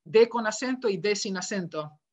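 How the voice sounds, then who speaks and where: A woman lecturing to teachers in a relaxed, conversational way, often asking "¿verdad?" and acting out quoted dialogue in her stories. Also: medium pitch, normal speed. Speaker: university education lecturer. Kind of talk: lecture given online.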